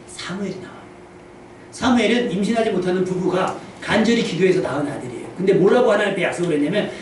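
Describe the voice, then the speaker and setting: Man, pastor, animated humorous sermon, high voice, heavy church echo, distant mic, faint hiss. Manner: animated, humorous, acts out quotes. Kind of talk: lively sermon. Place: church sanctuary.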